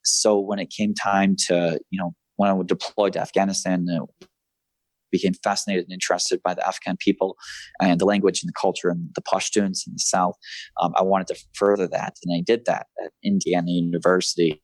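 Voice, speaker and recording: Responding to an interviewer, this thirty-something freelance writer and former soldier, raised in Southeast Asia, sounds low and level with no echo. He's deliberate and reflective, frequently pausing on fillers and restarting sentences.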